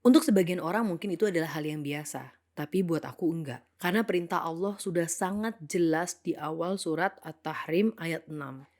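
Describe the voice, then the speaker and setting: Earnest young woman with a lowish voice. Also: fairly quick, darkish tone. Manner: earnest and thoughtful, switching into English phrases. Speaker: narrator of a reflective monologue. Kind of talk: scripted reflective monologue.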